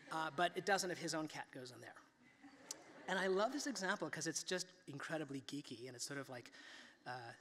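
A man's voice: a little high, pushed and bright, long reverb tail. A man in his fifties giving a conversational keynote talk at a lectern, with many fillers and restarts. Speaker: keynote speaker. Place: large auditorium, standing at a lectern. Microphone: lectern microphone.

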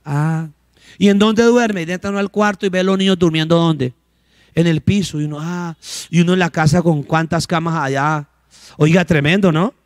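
A man's voice: on the high side, steady tone, a little fast, no room sound, studio quality. A man, preaching a sermon as pastor, asking the congregation questions and acting out short dialogues.

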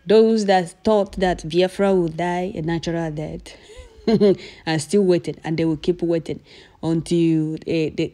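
A woman's voice: lowish voice, mellow. A Nigerian woman giving emphatic, repetitive news commentary as an activist over event footage.

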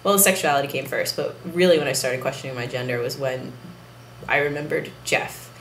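A young man talking candidly to camera in a casual video diary, unhurried and soft-spoken. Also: medium pitch. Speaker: vlogger. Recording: roomy with faint background hiss.

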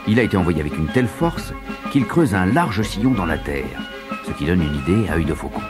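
A man narrating an adventure audio story in a lively, dramatic way. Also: deep voice, fairly quick. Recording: loud music underneath.

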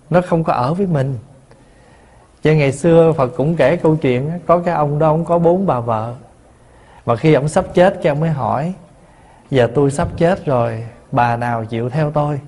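A man's voice: a little high, darkish tone, husky. A man, a Buddhist monk giving a dharma talk, telling stories and asking his listeners rhetorical questions. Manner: conversational storytelling with rhetorical questions.

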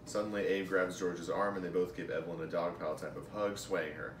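In a script read-through at home, a young amateur reads stage directions and a role in a deep, steady voice, going a little fast. A camera several feet off picks him up, and the room mic sounds distant and echoey, with noise clearly audible.

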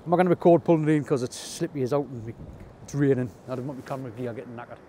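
Out on the rocks at night in wind and rain, a fishing vlogger from North East England talks casually with modest, self-deprecating humour. His mid-range voice has a dark tone, and he races through his words. Faint wind noise comes through the outdoor camera audio.

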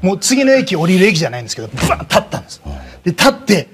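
A man's voice: high-pitched, racing, a little hiss or hum. A man with a Kansai accent telling a comic story, acting out the people in it. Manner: animated, acts out quoted voices. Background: studio audience laughter.

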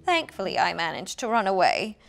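A woman's voice: medium pitch, big pitch swings, a little fast, vocal fry, soft background music. A woman doing a gloomy old she-cat. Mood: sulky. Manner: sulky and complaining.

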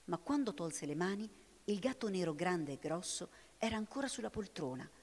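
A woman with an Italian accent reading a story aloud in an expressive way, recorded in a hall with long reverb. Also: on the low side, moderate pace. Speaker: reader.

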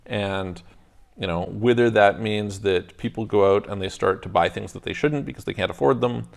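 A podcast co-host in his thirties debates casually, reasoning step by step and often restarting his sentences. His lowish, creaky voice moves at normal speed, captured by a lapel mic on a studio lounge set with armchairs.

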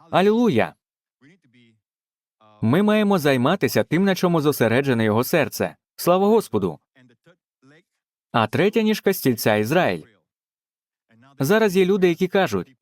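Fervent male preacher, lively pitch. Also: no echo. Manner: fervent, punctuated with exclamations of praise. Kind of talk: dubbed sermon.

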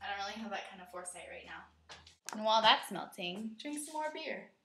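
A woman's voice: medium pitch, animated, fairly quick, sharp tone. A woman chatting casually as she hosts a home baking video, rambling in a giggly, tipsy drunk way in a kitchen. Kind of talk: casual chat while cooking. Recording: echoey room with clear background noise.

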